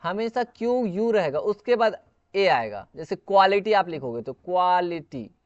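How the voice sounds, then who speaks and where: A man's voice: high voice, expressive, a little slow, dry recording, dull audio. A man teaching English pronunciation, patiently repeating each sound and asking questions as he explains. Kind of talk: classroom-style lesson.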